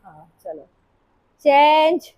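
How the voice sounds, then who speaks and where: Woman, yoga teacher, short clipped cues, high voice, slow and drawn out. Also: very animated, muffled recording. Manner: brisk, commanding cues mixing Hindi and English. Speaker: yoga instructor. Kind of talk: live class instruction, calling poses.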